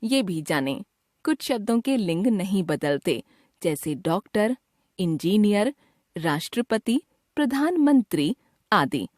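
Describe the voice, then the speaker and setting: A woman narrates a scripted grammar lesson for young learners at an unhurried pace. Her pitch rises and falls with an animated, teacherly lilt. The sound is close and dry, with no room around it. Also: dry recording. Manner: slow, careful enunciation with an expressive teacherly lilt.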